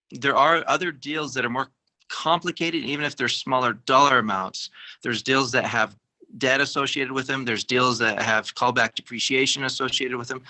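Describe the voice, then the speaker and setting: A man from a tax deferral firm explaining in a measured, casual way, with many fillers and restarts. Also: medium pitch, pushed and bright.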